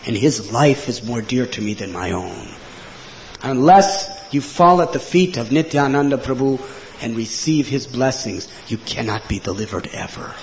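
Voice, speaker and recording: A man voicing a stern, angry divine lord who speaks low and grave, on a dull lo-fi recording. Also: animated, moderate pace, slight background noise, lightly acted.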